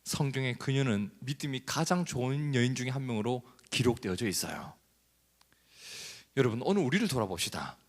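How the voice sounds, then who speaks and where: A male pastor delivering a sermon in a church, animated and asking the congregation questions. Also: medium pitch, brisk, in a large hall.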